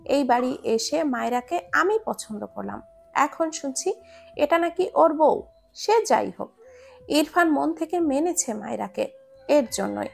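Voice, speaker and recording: A man's voice: extremely high pitch, expressive, measured pace, gravelly, full character voice. A woman voicing an angry, scornful young man in a romance story.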